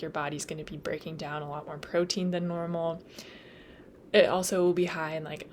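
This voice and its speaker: In a casual study lecture, a young adult nursing student tutor chats through nursing material, peppering it with "like" and "um" and laughing when she slips up. Her voice sits low and is going hoarse as she loses it, with a little hiss or hum in the recording.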